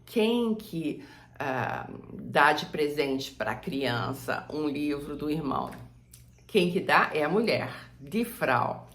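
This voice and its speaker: A Brazilian woman teaching German grammar and saying example sentences slowly for the viewer to repeat. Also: deep voice, expressive, a bit bright, echoey room, slight background noise. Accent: Brazilian Portuguese. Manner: slow, drawn-out model sentences for repeating. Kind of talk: language lesson.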